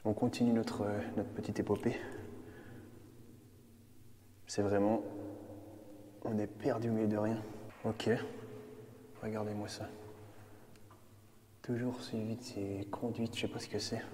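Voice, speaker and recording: Filming in an underground bunker, this urban explorer tells his viewers jokes nervously, his fairly low, warm voice flat and at normal speed, with frequent pauses. Slight background noise and faint ambience sit under a long, cathedral-like echo off the concrete.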